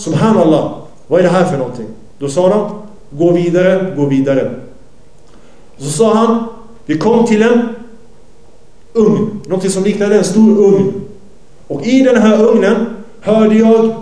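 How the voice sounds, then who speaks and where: A preacher with a high yet dark-toned voice retells a hadith during a sermon, translating on the spot and correcting himself as he goes. The recording is low quality, with a roomy sound.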